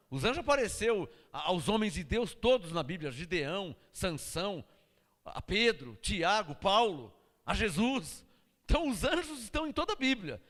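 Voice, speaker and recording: Guy preaching, keeps asking the crowd to answer, lively up and down voice, echoey hall. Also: sits high. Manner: preaching with call-and-response questions to the congregation. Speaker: pastor. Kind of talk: sermon.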